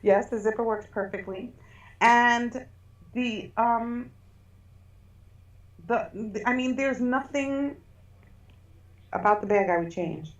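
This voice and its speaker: A woman co-hosting a casual podcast chat, talkative and quick to laugh, with frequent restarts. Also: fairly high pitch, dull audio. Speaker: podcast co-host.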